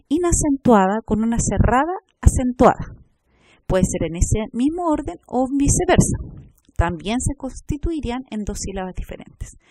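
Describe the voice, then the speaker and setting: A woman giving a recorded lecture, explaining step by step, sounding out example words slowly and checking with short tag questions. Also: fairly high pitch, darkish tone, no echo. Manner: spells out syllables slowly. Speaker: teacher.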